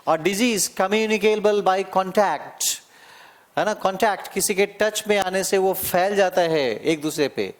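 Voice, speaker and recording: Male teacher, high voice, slow drawn-out explaining for an exam-prep lesson, repeats key words. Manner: explains slowly, drawing out key words and repeating them, checking in with "है ना?". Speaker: English teacher.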